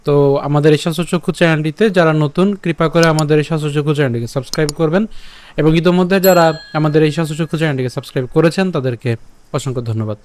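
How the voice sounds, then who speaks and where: Slow, patient male recitation teacher. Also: fairly high pitch, a little mellow. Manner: breaks words into syllables, repeats slowly; chants verses in a slow melody. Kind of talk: step-by-step pronunciation lesson.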